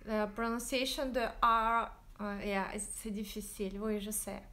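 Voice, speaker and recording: A woman teaching French in a livestream, drilling verb forms slowly and switching into English to explain. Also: medium pitch, steady tone, sharp tone. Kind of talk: livestreamed language lesson. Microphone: phone livestream.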